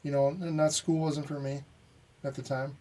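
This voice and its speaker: A man's voice: on the high side, little pitch movement, moderate pace, mellow, recorded from a distance, a little hiss or hum. A man guesting on a podcast, talking in a plain, casual way with lots of "you know". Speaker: guest business owner.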